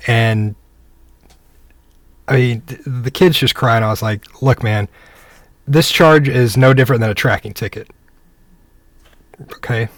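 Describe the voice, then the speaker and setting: A man's voice: medium pitch, measured pace, long pauses, no room sound. Laid-back man telling a police story. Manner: laid-back, conversational, acts out the dialogue. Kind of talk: casual storytelling to camera.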